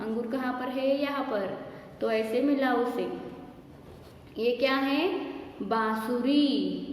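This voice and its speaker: A woman teaching young children to read, asking questions and stretching out words slowly for them. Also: high voice, a little hiss or hum. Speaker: primary school teacher. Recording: strongly echoey room with long reverb.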